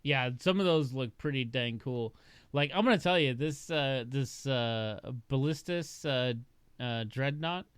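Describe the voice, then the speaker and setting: A man co-hosts a podcast in a relaxed, hesitant way, often repeating words. His voice is smooth and clear at a middle pitch. The sound is close and dry. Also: a little slow, dry recording. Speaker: podcast co-host. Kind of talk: casual chat.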